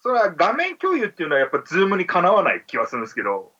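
Husky, quick-talking male radio co-host. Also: high-pitched, wildly swooping pitch, pushed and bright, highs cut off. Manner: quick, explanatory, friendly banter. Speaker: radio co-host and jingle operator. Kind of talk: casual radio talk. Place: remote recording over an internet call.

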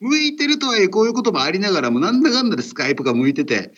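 A man hosting a radio show remotely, talking casually and politely with many filler pauses. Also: high-pitched, very animated, a bit bright, breathy edge, lo-fi sound. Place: remote recording over an internet call.

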